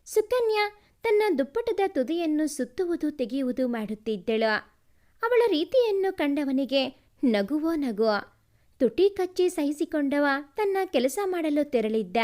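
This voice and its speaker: High, lively woman storyteller. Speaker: narrator. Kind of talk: storytelling narration.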